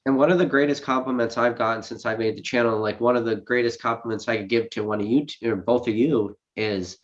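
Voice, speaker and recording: A man chatting on a casual live stream, rambling quickly with many restarts and fillers. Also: fairly even intonation. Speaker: guest collector. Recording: muffled low-fidelity audio.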